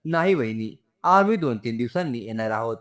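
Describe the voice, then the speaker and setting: A man's voice: medium pitch, expressive, brisk, a bit bright, natural voice. A man voicing a remorseful young woman who pleads and apologizes through tears in a storybook narration. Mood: anxious. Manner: tearful, apologetic, begging.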